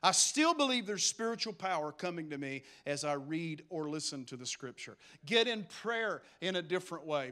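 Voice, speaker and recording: A man preaching a lively, humorous sermon that builds to emphatic calls to action. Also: high voice. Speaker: pastor.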